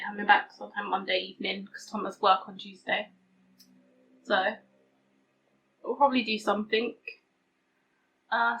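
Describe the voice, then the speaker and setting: Bright, higher-voiced woman chatting casually. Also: slight background noise. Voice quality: slightly tinny sound. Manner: chatty, self-deprecating, rambling. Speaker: beauty vlogger. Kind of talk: casual rambling chat to camera. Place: hot room at home, window open.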